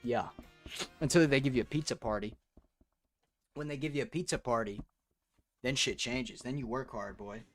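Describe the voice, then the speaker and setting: A man's voice: medium pitch, moderate pace, pauses often, soft background music. A young man streaming a kart racing game, reading chat aloud and answering in crude, profane banter. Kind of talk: casual gaming stream chat.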